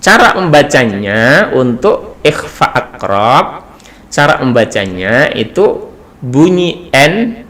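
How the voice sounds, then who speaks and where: A man teaching a tajwid lesson, explaining slowly and chanting short demonstration sounds. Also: medium pitch, sing-song, a bit bright. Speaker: Quran recitation teacher.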